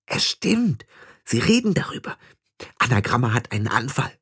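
A man reading the part of a young witch girl passing on news in a hushed, guilty voice. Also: mid-range voice, very animated, moderate pace, slightly rough, pitched above the performer's own voice, exaggerated voice. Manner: hushed, conspiratorial.

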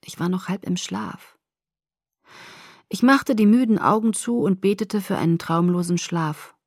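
A woman reading a novel aloud in the first person, in a soft, hushed and intimate way. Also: medium pitch, a little slow, no room sound, studio quality. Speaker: audiobook reader.

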